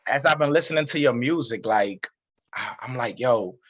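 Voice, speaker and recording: A man hosting a casual interview, talking in a relaxed, slangy way and switching between English and Spanish. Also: mid-range voice, moderate pace, slightly rough, highs cut off. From United States. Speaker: podcast host.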